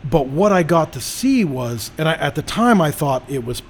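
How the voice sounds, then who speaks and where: A man's voice: a little high, very animated, moderate pace, slight background noise. A middle-aged man from Canada hosting a podcast, talking in an emphatic, lecturing way. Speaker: podcast host. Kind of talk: casual conversation.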